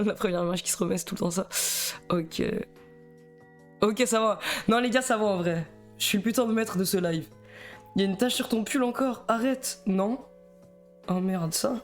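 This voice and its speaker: A young man with a Belgian French accent, chatting nervously and rambling on a live stream, stammering and laughing. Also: high-pitched. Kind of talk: casual live stream chat.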